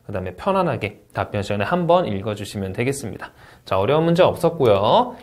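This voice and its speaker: A man's voice: on the low side, fast. A man teaching a test-prep lecture, asking rhetorical questions and carefully reading out English model answers. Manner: lively teacherly delivery, frequent "자" and rhetorical questions. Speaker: TOEIC Speaking instructor. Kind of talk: exam review lecture.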